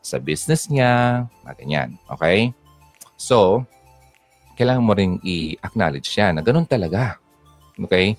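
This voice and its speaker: A man with a low, deep voice gives fatherly relationship advice. His pitch swings widely as he talks, and faint music plays behind him. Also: expressive, a little slow, pauses often, dry recording. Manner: fatherly, mixes English into Tagalog. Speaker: advice host. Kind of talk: casual advice talk to a listener.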